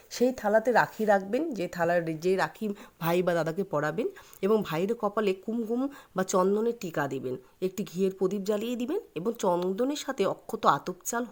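A woman's voice: medium pitch, lively intonation. Woman host explaining ritual timings. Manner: earnest, advising, reciting a mantra slowly. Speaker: channel host giving ritual guidance. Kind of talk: instructional explainer.

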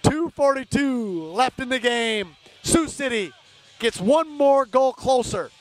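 A man's voice: very high-pitched, animated, slow pace. A man giving amateur play-by-play hockey commentary from rink stands in clipped phrases, openly rooting for the home team. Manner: clipped phrases naming players. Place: indoor ice rink, from the stands.

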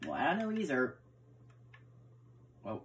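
This woman speaks a little slowly in an extremely low voice whose pitch swoops wildly, and a slight hiss or hum runs underneath. She talks casually while role-playing a block-building game, often stumbling and repeating herself, filmed indoors by a camera aimed at a TV screen.

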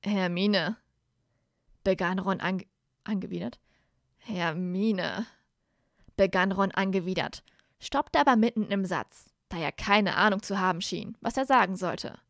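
A woman reads a romance story aloud live, restarting phrases whenever she stumbles. Her voice sits in a middle pitch, and the audio is dry and close. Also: moderate pace, gravelly, a bit bright, dry recording. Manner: frequent restarts and self-corrections. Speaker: audiobook reader. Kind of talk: live reading of fan fiction.

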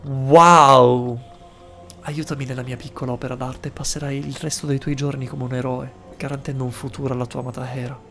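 A man reading a hushed, scheming male villain. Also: mid-range voice, flat delivery, brisk, soft background music, close to an everyday voice. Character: scheming manipulative male villain, smooth-talking. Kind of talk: reading game dialogue aloud.

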